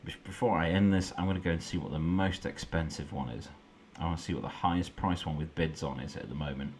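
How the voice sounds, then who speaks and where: A man hosting a late-night stream, chatting casually and amused as he browses, sometimes dropping quiet and offhand. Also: rumbling low, fast, a little hiss or hum. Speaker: host. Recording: faint background music. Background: faint background music.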